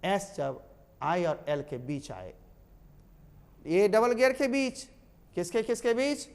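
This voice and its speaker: A man's voice: high-pitched, slow pace, creaky. A man from Bihar teaching silent letters in English, talking, spelling words out and correcting himself often. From Bihar, India. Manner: animated, repeats and corrects, spells letters aloud. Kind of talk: classroom lesson on silent letters. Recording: long hall reverb.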